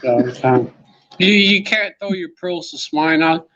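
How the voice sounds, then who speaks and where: A man's voice: a little high, lively intonation, measured pace, a bit bright. A man hosting a casual chat, drawling and swearing as he reads out news. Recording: dull lo-fi sound.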